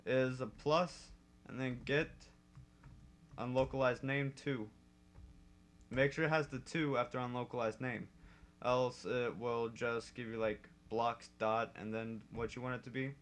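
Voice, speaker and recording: A young man talks through a casual coding tutorial at his desk, chatty and quick to correct his own slips. His voice sits at an ordinary middle pitch. Keyboard typing clacks behind him. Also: fairly even intonation, a bit bright. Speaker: modding tutorial host.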